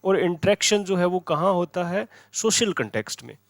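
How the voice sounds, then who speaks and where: An Indian man leads an exam-prep lecture in a fairly high voice. He quizzes himself aloud and answers each question. The sound is dry and close, with no room echo. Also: lively intonation. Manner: repeats key words as questions and answers them; switches into slow, deliberate English when reading questions. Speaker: teacher.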